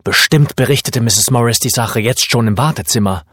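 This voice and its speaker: A man narrating a children's story as an audiobook in a lively storytelling manner. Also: medium pitch, normal speed, dry recording, studio quality.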